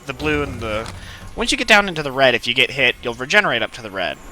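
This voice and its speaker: Mid-range, very animated and sharp-toned, this gaming video host speaks at a quick pace. He delivers laid-back let's play commentary, poking fun at himself with wry asides, while clear game sounds of gunfire and ambience play behind his voice.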